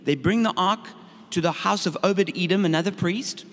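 A man's voice: high voice, normal speed, fairly bright tone. A man preaching a sermon in short phrases for an interpreter, telling a Bible story and acting out the voices of its figures. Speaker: guest preacher. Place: church hall. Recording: reverberant church hall.

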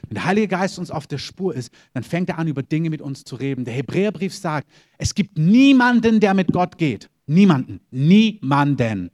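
A man's voice: fairly high pitch, expressive, fairly quick, a little mellow. A middle-aged man preaching a sermon as pastor, emphatic and repetitive, punctuating his points with calls of "Amen".

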